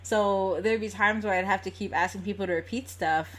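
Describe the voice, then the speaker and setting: A woman with a standard American accent talks in an informal, chatty way. Her voice sits at a middling pitch, and she sounds like someone interviewing in a casual conversation. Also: steady tone, fairly quick, fairly bright tone. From United States. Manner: informal, chatty, laughs easily while talking. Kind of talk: casual chat.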